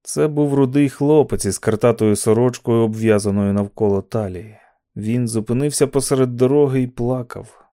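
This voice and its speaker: A man narrating an audiobook in a steady, dramatic storytelling manner. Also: medium pitch, moderate pace. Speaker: audiobook reader.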